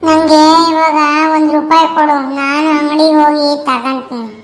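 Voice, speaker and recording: Woman voicing cartoon boy, whiny, insistent, high voice. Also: steady tone, normal speed, soft background music, lightly acted. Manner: whining, insistent. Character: whiny young village boy wanting chocolate.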